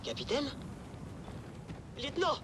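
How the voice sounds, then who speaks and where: A tough no-nonsense lieutenant, brisk, french game dub, noisy battle ambience. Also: female voice, sits high, wildly swooping pitch, full character voice. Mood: brisk, urgent. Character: tough, brisk female lieutenant, loyal second-in-command.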